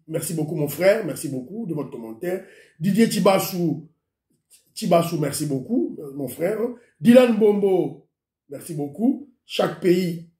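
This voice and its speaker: A man's voice: sits high, mellow, echoey room. A man with a Congolese accent hosting his own online show, chatting casually and greeting his viewers one by one by name. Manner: greets commenters by name, mixes in Lingala. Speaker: YouTube show host.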